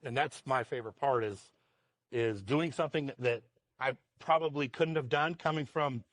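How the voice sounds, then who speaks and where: A man's voice: mid-range voice, normal speed, dry recording. A man who owns a roofing company, answering interview questions in a casual, rambling way, often repeating words and chuckling. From Washington state, USA.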